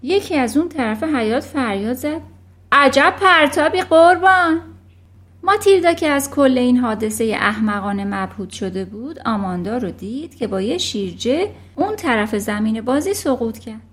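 A woman narrating a children's novel in an expressive storybook reading. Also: fairly high pitch, hardly any pauses.

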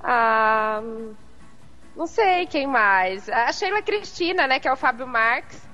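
A woman guest influencer in a casual interview, relaxed and self-deprecating, laughing often. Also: high voice, slow pace, lo-fi sound, soft background music.

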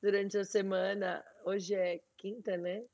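A woman co-hosting a casual podcast chat, her tone chatty and self-amused. Her voice is a little breathy, and the recording is dry with no room sound. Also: mid-range voice, little pitch movement, a little slow, darkish tone, no room sound. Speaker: podcast co-host.

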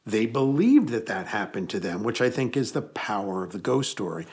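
Rambling through his stories with frequent self-corrections, a male author talks as a guest on a casual podcast interview. His lowish, slightly mellow voice carries a breathy edge and big pitch swings at a moderate pace.

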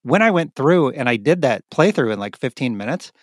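Excitable male podcast co-host, swears a lot, dry close sound. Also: medium pitch, brisk, dry recording. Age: adult, married. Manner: excitable, swears freely, laughs often. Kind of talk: casual chat.

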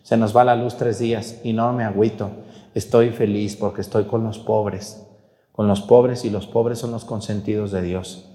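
A man's voice: on the low side, steady tone, normal speed, warm tone, echoey room, in a large hall. A man with a Mexican accent preaching a sermon during Mass. He scolds the viewers bluntly and asks many rhetorical questions. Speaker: priest.

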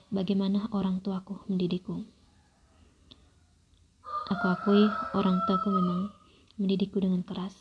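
Young woman narrator, breathy near-whisper, dull lo-fi recording. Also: medium pitch. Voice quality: breathy, husky. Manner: soft, calm and measured, near-whispered. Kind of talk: first-person storytelling.

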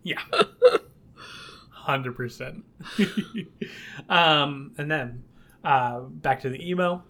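A man's voice: medium pitch, drawn-out words, gravelly, pauses often, pushed and bright. A man co-hosting a podcast in casual chat, rambling with many fillers and a slight toothless lisp. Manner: rambling, filler-heavy, upbeat. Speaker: podcast co-host.

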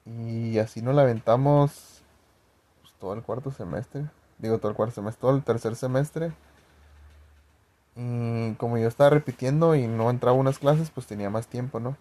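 A man's voice: medium pitch, normal speed, dark tone. Slangy young Mexican guy telling a story. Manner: slangy, profane, rambling storytelling. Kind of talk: casual personal anecdote.

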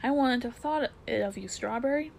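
A woman's voice: on the high side, moderate pace, vocal fry, a little hiss or hum. A woman voicing a plain-spoken London cabman with a Cockney accent, dropping his h's. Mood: earnest. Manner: h-dropping, earthy and blunt.

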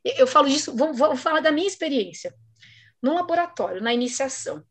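A woman's voice: high-pitched, very animated, fast. A middle-aged Brazilian woman, a research supervisor, talking casually and animatedly, acting out the voices she quotes. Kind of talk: casual podcast talk.

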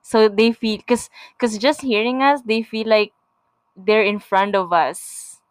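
A young Filipino woman with a Filipino accent co-hosts a relaxed couple podcast, giggling and repeating words as she begins her thoughts. Her voice is fairly high and fairly even in intonation, unhurried, with a clean tone in a dry recording.

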